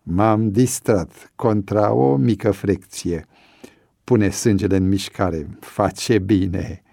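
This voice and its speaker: A man voicing a cheeky male prisoner who answers with dry, mocking calm in an audiobook story. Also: lowish voice, gravelly, dry recording. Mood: cheerful.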